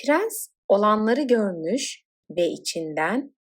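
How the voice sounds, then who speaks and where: Speaking slowly at a medium pitch, a woman narrates a scripted fairy tale for children with dramatic, expressive flair.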